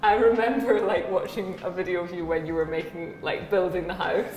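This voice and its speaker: A woman's voice: lowish voice, fairly even intonation, brisk, darkish tone, a little hiss or hum. A woman vlogger asking curious, friendly questions in a casual interview. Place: indoor apartment. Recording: echoey room.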